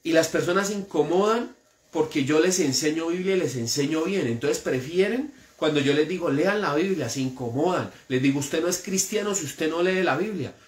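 A man preaching a sermon with a Colombian accent, animated and mocking as he mimics would-be prophets. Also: on the high side, moderate pace. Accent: Colombian Spanish. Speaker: pastor. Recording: echoey church room.

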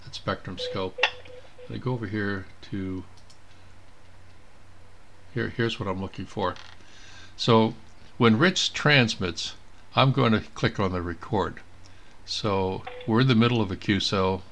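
This amateur radio operator's casual screen tutorial comes from indoors at a computer, where he thinks aloud while working. His low-leaning voice is unhurried and a bit bright, and he pauses often.

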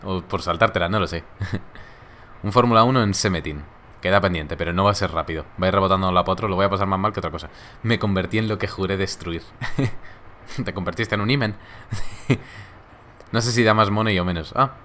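A young man chats on a live stream in a laid-back, joking way. His voice sits low but sounds bright and forward. A faint hiss stays under the talk. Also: brisk. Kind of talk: casual live-stream chat reading viewer comments.

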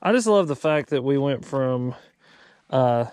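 A man hosting a casual fishing vlog from a bass boat on a lake, chatting and joking with viewers. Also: animated, unhurried, darkish tone, dry recording. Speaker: fishing channel host.

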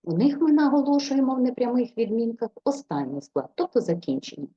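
A woman's voice: a little high, very animated, brisk, warm tone, breathy edge, highs cut off. A woman language teacher giving an online exam-prep lecture, methodically reciting grammatical forms one by one.

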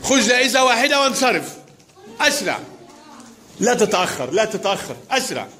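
A man's voice: high-pitched, very animated, fairly quick, bright, forceful tone. A man teaching a primary school class, quizzing pupils by name and drawing out words as he reads them. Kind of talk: classroom lesson.

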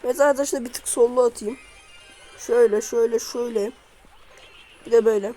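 A woman giving live commentary over her own gameplay, excitably cheering and scolding the units on screen. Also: on the high side, brisk, soft background music, low-quality recording. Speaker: gamer.

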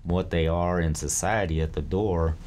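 A man in his thirties speaks in a very low voice. He talks loose and easy, full of slang. A faint background hum sits under him. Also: steady tone, normal speed, darkish tone. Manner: laid-back, slangy, laughs often. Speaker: barbershop owner, guest. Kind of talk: casual interview chat. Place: barbershop, indoors.

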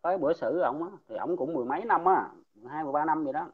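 A man's voice: a little high, rapid-fire, phone-quality sound, crowd noise. A man from An Giang with a Mekong Delta Southern Vietnamese accent, telling local gossip in a blunt, rambling casual chat and chuckling along the way. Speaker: local storyteller.

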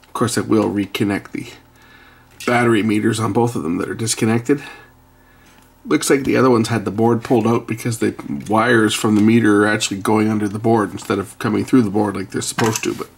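Husky and creaky, his lowish voice stays steady while he speaks briskly. This middle-aged repair video host does hands-on work at an indoor bench, giving blunt, casual, faintly grumbling commentary against faint background noise and clicking.

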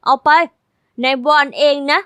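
A woman's voice: a little slow, a bit bright, dry recording, studio quality, lightly acted. A woman voicing a big, cocky teenage boy bully who talks in a smug, drawled, taunting way.

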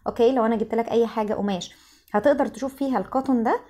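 A young adult woman teaching an English vocabulary lesson in Egyptian Arabic, drilling words slowly syllable by syllable between quick explanations. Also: on the high side, dark tone.

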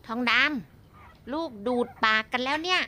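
A woman's voice: high voice, expressive, measured pace, background noise. A Thai woman who talks in a chatty way in her home vlog and coos in baby talk to her dogs. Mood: coaxing. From Thailand. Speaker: vlogger. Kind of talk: casual vlog narration.

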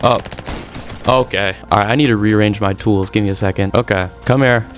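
A man giving excitable live commentary over his own video game play, trash-talking opponents and reacting as he goes. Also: on the low side, brisk. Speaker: gaming YouTuber. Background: game music and gunfire.

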